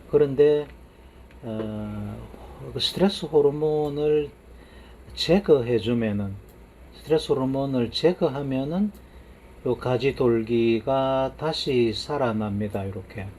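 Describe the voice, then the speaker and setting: Man lecturing, mellow tone, unhurried, lots of little yeses, faint background hiss. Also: medium pitch. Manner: unhurried, frequent affirming "yes" and trailing asides while pointing at slides. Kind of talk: lecture on brain science.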